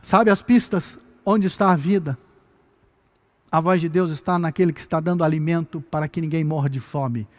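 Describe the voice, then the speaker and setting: A man preaching a sermon, moving between soft, grave passages and loud, impassioned ones. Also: a little high.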